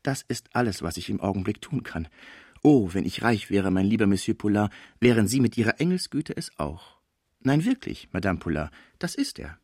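A man voicing a scheming, fawning older female portress in an audiobook, flattering and pushy. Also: on the low side, moderate pace, breathy edge, dry recording, studio quality, full character voice. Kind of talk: audiobook character voice.

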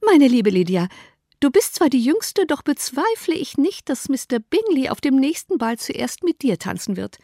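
A woman reading an audiobook, voicing an excitable, easily upset middle-aged mother with shrill, high-strung outbursts. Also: moderate pace, no room sound, clean studio sound. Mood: gushing. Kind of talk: audiobook character voice.

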